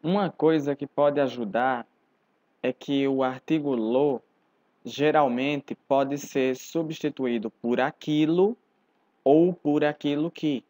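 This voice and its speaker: Male teacher narrating a grammar lesson, unhurried and dry-miked. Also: mid-range voice, dark tone, no room sound. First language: Portuguese. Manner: slow, deliberate explanation. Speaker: language teacher.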